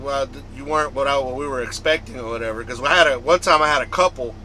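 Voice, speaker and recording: An American man who vlogs about trucking chats casually with his viewers, rambling, circling back and repeating himself. His medium-pitched voice is fast and sharp, and the audio is poor.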